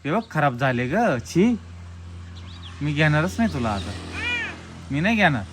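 Slow sing-song young mother. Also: low voice, very animated, music in the background. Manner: sing-song, coaxing, repeats short phrases. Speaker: vlogger mother talking to her baby daughter. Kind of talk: casual baby talk.

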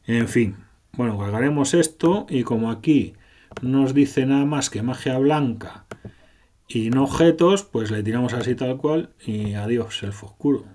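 A man's voice: medium pitch, unhurried, mellow. A man from doing casual, sarcastic gameplay commentary, swearing freely as he retells the story.

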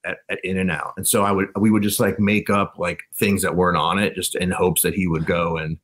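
A man's voice: deep voice, fairly even intonation, brisk, fairly bright tone. A man, a band frontman, chatting as a podcast guest and telling stories loosely, with lots of fillers and restarts. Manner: loose, rambling storyteller with many fillers. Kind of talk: casual podcast chat.

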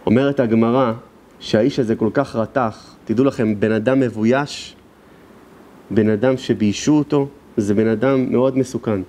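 A man giving a sermon as a rabbi, telling a story with animated, emphatic delivery. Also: mid-range voice. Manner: animated storytelling, acting out dialogue; emphatic exclamations.

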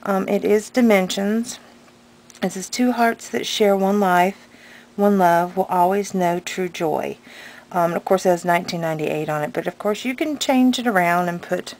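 A woman with a mid-range, slightly mellow voice talks at a normal pace, chatting casually as a craft vlogger who also sells patterns. She rambles and hesitates but stays enthusiastic, and a tongue piercing slightly impedes her articulation. It's an unscripted show-and-tell at her craft table at home, and the home recording is clearly noisy.

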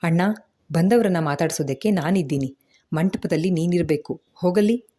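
A woman's voice: on the low side, normal speed, warm tone, breathy edge. A woman voicing an eager young man who urges his older brother along. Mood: urging.

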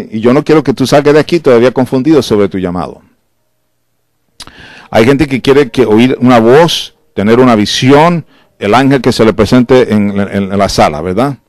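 Pastor preaching, conversational. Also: male voice, medium pitch, darkish tone, no echo. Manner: conversational and exhortative, asks the congregation frequent questions. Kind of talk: sermon.

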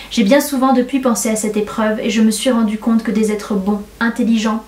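A young woman hosting a book-club podcast, talking with lively enthusiasm about her reading and reading passages aloud. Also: on the high side. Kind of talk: casual book-review talk and reading aloud. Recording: roomy echo.

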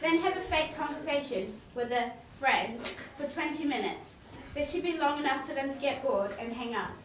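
A woman's voice: high voice, lively intonation, normal speed, slight background noise. A woman giving a humorous prepared speech to an audience, playfully acting out little scenes. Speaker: student speaker. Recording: echoey hall, mic far off, audience.

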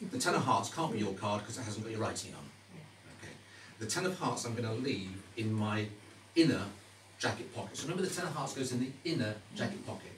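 Male magician, chatty card-trick patter, animated intonation, distant noisy live recording. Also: fairly low pitch, reverberant. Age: middle-aged. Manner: chatty, teasing, questioning asides to audience. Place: indoor stage before a small live audience. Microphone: distant audience camera.

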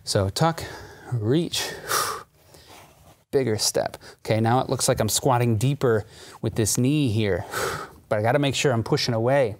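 A man's voice: mid-range voice, a little slow, darkish tone. A young man, a fitness coach, talks casually as he demonstrates a crawling exercise in a carpeted living room, recorded by a camera a few meters off.

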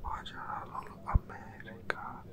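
A person speaking in a breathy close whisper, casually commentating on a geography guessing game in a slangy, self-mocking way. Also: measured pace. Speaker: host. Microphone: close microphone.

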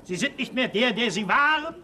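An actor playing a proud, scheming mad professor in a comic TV sketch, with a pompous, theatrical manner. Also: male voice, very high voice, expressive, moderate pace, bright, forceful tone, full character voice. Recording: 1970s TV studio, audience, hiss. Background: studio audience.

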